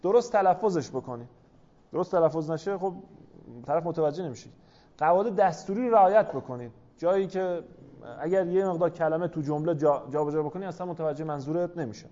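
Male lecturer teaching a class with rhetorical questions, slightly high voice, dull lo-fi recording. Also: dark tone.

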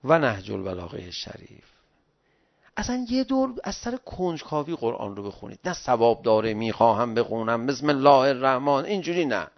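A middle-aged man giving an animated, pleading religious talk in the style of a sermon, recorded on dull lo-fi audio. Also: mid-range voice, creaky. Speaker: religious lecturer.

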